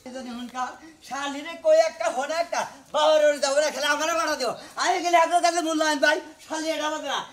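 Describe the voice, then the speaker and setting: High, fast-talking joking man. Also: steady tone, fairly bright tone. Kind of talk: slapstick comedy skit acting. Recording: clear background noise.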